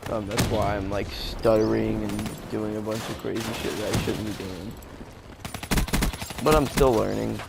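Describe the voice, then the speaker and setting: A man's voice: lowish voice, fairly even intonation, moderate pace, creaky, heavy background noise. A young man giving live gameplay commentary as a gaming YouTuber, rambling with many fillers and restarts. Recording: gameplay gunfire loud behind. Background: game gunfire and explosions.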